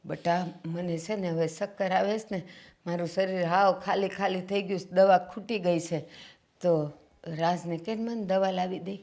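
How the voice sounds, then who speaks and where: An actress playing a gentle, pleading, ailing mother-in-law in a Gujarati stage play. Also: on the low side, steady tone, moderate pace, lightly acted.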